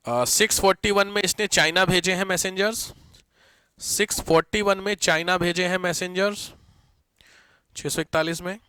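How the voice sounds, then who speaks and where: A male teacher giving an exam-prep history lesson, dictating notes slowly, spelling words out letter by letter and repeating every term. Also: sits high, fairly even intonation, pushed and bright, clean tone, no echo.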